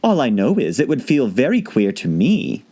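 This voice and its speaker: A man's voice: mid-range voice, wildly swooping pitch, normal speed, warm tone, husky, pitched above the performer's own voice. Man doing a polite, lilting young girl. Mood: polite, puzzled. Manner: polite, hesitant, carefully explaining. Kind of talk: audiobook character voice.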